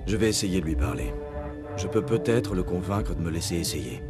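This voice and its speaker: An actor playing a composed, authoritative military commander in a video game, terse and matter-of-fact. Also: male voice, sits low, expressive, moderate pace, over loud music. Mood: composed, persuasive. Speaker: commander, special agent.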